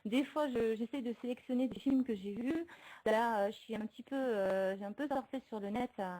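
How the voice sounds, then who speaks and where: Woman, fairly high voice, casual livestream chat, laughs a lot, lots of um fillers. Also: moderate pace, warm tone, rough recording. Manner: chatty, laughs often, many hesitant fillers; reads out and answers viewer comments. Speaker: streamer hosting a movie chat.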